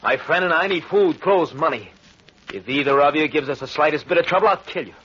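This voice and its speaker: An actor in 1940s radio style plays a ruthless young escaped officer who speaks coldly, commandingly and threateningly, in a menacing mood. His voice is on the high side, brisk and a bit bright, with lively intonation, and the recording sounds dull and faintly hissy like 1940s radio.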